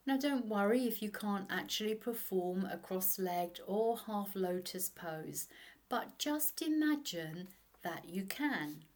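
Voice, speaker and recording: A woman narrates a guided meditation like a soothing sleep story, hushed and unhurried with long pauses. Her voice is mid-range with lively intonation.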